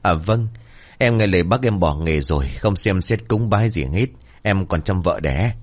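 A man voicing a gruff, short-tempered old former village shaman who scolds and curses. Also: low-pitched, moderate pace. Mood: mocking.

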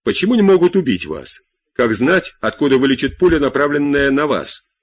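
A man reading an audiobook, voicing a proud, anguished queen who pleads bitterly, pitching his voice up. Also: animated, moderate pace, natural voice. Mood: bitter pleading. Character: proud anguished Queen Marie Antoinette, woman.

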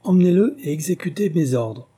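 A man's voice: mid-range voice, moderate pace, mellow, husky, lightly acted. A man voicing a stern, unforgiving king who gives orders in a raised voice in an audiobook reading. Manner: commanding, raised voice.

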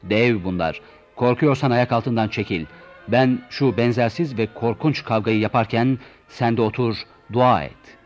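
A man voicing a grandiose, deluded old knight who declaims loudly. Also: medium pitch, a little slow, voice pushed up, lightly acted. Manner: bombastic, declaiming, shouting. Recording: dull lo-fi recording with soft music.

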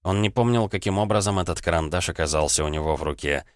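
A man reading a fantasy novel aloud as an audiobook narrator, calm and even. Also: deep voice, fast talker, dry recording, studio quality. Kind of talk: scripted narration.

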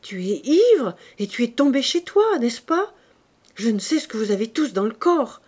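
A woman's voice: fairly high pitch, very animated, normal speed, darkish tone, breathy edge. Stern but kind young woman lecturing the poor, woman narrator doing her lines. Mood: firm. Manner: firm, scolding but kind.

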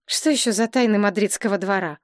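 A woman voicing a sensible young woman who talks in a brisk, exasperated way, recorded dry and close. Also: mid-range voice, dry recording, lightly acted.

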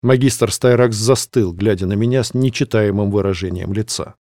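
A man reading a fantasy novel aloud as scripted narration, in a measured, steady way. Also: fairly low pitch, dry recording, studio quality. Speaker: audiobook reader.

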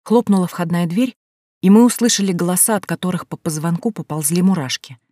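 A woman narrating a first-person audiobook story in a lively telling. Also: lowish voice, a little fast.

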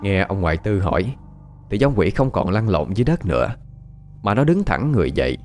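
A man narrating a ghost story in a dramatic, expressive way. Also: sits low, brisk, faint music behind.

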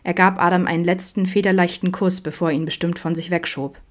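A woman narrating an audiobook in a calm, soft and even way. Her voice is low for a woman, and she keeps a steady, gentle storytelling flow. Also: quick pace. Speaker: audiobook reader.

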